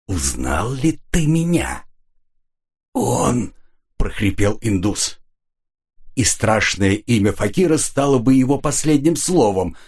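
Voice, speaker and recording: A man reading an adventure novel aloud as an audiobook narrator, in an expressive, dramatic way. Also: fairly low pitch, husky.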